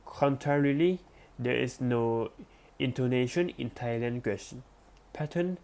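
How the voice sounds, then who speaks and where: This lesson comes from a man reading an academic text in a slightly mellow voice at a normal middle pitch. His pace is very slow and unhurried, and his careful, deliberate reading includes the occasional restarted word.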